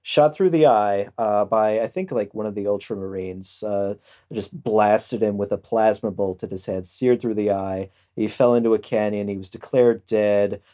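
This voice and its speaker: A man's voice: fairly low pitch, moderate pace, mellow. A man co-hosting a podcast, rambling and joking in a casual chat, laughing often. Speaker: podcast co-host.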